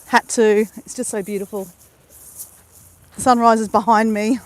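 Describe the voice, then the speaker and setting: A woman with an Australian accent chats to her live-stream viewers on a beach at sunrise, bubbly and rambling, filming on a handheld phone camera. Her voice is fairly high with fairly even intonation, she talks at normal speed, and there's no room sound.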